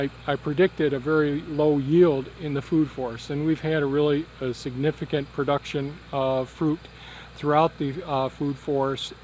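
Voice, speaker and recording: Outdoors on a rural property beside a hive hut, a man who hosts gardening and beekeeping videos gives a casual, explanatory vlog update, speaking haltingly. The low-quality recording picks up a tractor rumbling behind him and the sound of insects.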